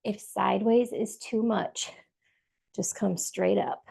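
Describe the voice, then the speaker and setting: Over a video call, a female fitness instructor leads a live workout while exercising herself, offering encouraging step-by-step cues. Her medium-pitched voice is slow, creaky, warm, and slightly rough.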